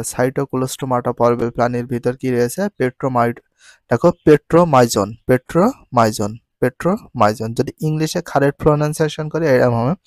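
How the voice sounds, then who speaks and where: A male teacher with a Bangladeshi Bengali accent, drilling textbook science terms by asking questions and repeating each answer slowly. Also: mid-range voice, darkish tone, no echo. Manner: mixes English words into his teaching.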